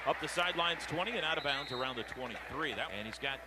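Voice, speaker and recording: This radio play-by-play comes from an American-accented man talking fast in an animated, medium-pitched voice. He keeps his running descriptions clipped and shouts when big plays happen, with heavy stadium noise behind the broadcast.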